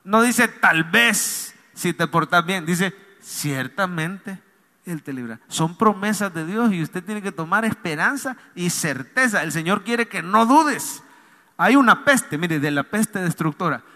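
A man's voice: high voice, lively intonation, unhurried, pushed and bright. A man, a pastor preaching a sermon with call-and-response, pleading and emphatic, in a church hall. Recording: long hall reverb.

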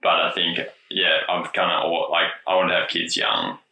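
A man, chatting casually on a podcast in a relaxed, rambling way with many fillers. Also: low-pitched, moderate pace, creaky, reverberant, poor audio. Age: 20s. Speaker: podcast guest. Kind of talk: casual chat.

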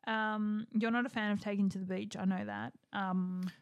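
A woman's voice: mid-range voice, animated, moderate pace, no room sound. A young woman chatting casually as a podcast co-host, laughing easily. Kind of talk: casual chat.

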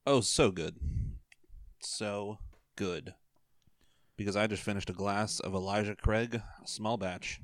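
Relaxed low-voiced man chatting. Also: slow pace, pauses often, no room sound. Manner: relaxed, chatty, musing aloud. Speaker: guest. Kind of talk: casual chat.

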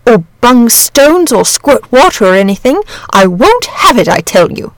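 A woman voicing a lazy, chatty, courteous male dragon who rambles in old-fashioned gentlemanly talk, in a storybook reading. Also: on the high side, sing-song, a little slow, no echo, pitched above the performer's own voice. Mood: warning.

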